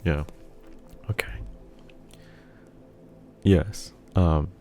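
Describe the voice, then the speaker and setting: A young man from Malaysia reads a bedtime story in a soft ASMR style. His voice is very deep and unhurried, and he chats relaxedly with viewers. Faint music plays behind him. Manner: relaxed, chatting with viewers between passages. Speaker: storyteller streamer.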